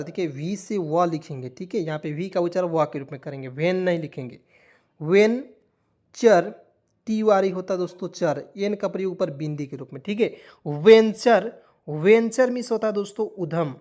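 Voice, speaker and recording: Patient male teacher, slow spelling drills. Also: high voice, a little mellow. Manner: spells letters out slowly, then repeatedly quizzes listeners and answers himself; addresses listeners as friends again and again, patient and reassuring. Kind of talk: classroom-style spoken lesson.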